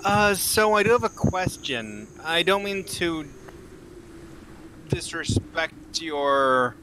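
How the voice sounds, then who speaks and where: A man's voice: fairly high pitch, animated, slow pace, noisy background. A man playing a tabletop game, talking in a wry, questioning way. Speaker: player.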